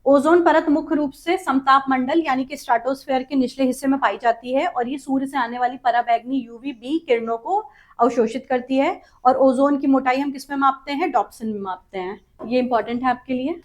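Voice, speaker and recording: A woman's voice: high voice, steady tone. A woman teaching a spoken exam practice lesson, reading out questions and options and then explaining each answer. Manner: drawn-out sounding-out of vowels and terms.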